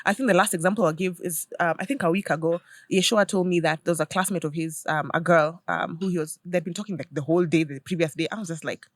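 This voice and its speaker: A woman, a podcast guest chatting casually and acting out lively stories about her children. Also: on the low side, fast talker, few pauses, dry recording, clean studio sound. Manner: animated storyteller who acts out her kids' lines. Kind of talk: casual conversation.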